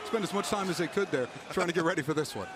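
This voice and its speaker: Fast-talking male wrestling color commentator. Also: on the high side. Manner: chatty, interjecting asides and reactions. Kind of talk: conversational live wrestling commentary. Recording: noisy arena, loud crowd behind. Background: loud crowd and arena noise.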